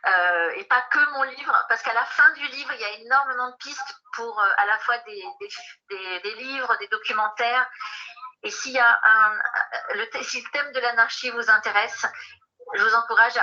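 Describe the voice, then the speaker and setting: A woman guest author heard through a phone on speaker held away from the mic, talking haltingly and repeating words as she restarts. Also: mid-range voice, pushed and bright. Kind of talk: casual closing remarks. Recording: dull lo-fi phone line.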